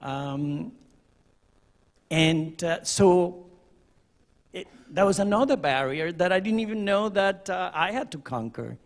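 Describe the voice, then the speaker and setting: A man on a panel speaking earnestly, with many pauses. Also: sits high, lively intonation. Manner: slow and earnest, with frequent pauses. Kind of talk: reflective panel talk.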